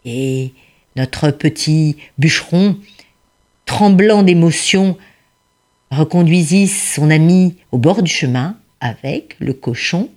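A woman storyteller with a low, husky voice tells a folktale. Her delivery is expressive, and she keeps dropping chatty asides to her listeners.

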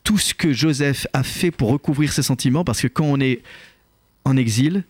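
A man hosting a radio talk show, explaining scripture in a measured, thoughtful way with frequent hesitations. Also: mid-range voice, darkish tone, husky, dry recording, studio quality.

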